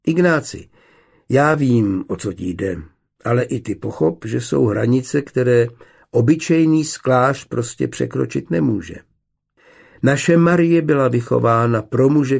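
A man's voice: mid-range voice, vocal fry, slightly rough. A man voicing a stern, proud mother. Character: stern middle-aged mother, proud and cold.

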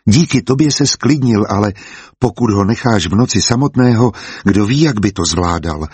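A man reading the part of a caring mother who gently coaxes her daughter, in his own voice. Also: lowish voice, expressive, breathy edge, no echo. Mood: coaxing. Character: caring mother, adult woman, gently persuasive.

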